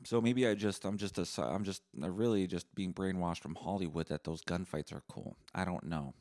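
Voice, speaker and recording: A man with a low voice hosts a solo podcast. He tells long, rambling stories full of swearing. His delivery stays deadpan. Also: normal speed. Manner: rambling, profane, deadpan storytelling. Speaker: podcast host.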